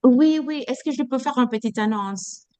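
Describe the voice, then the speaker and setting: A woman with a foreign accent in French, a native Spanish speaker, speaking haltingly and searching for words in an informal announcement. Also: high-pitched, a little mellow, clean tone. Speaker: meeting participant. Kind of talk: casual video-call announcement.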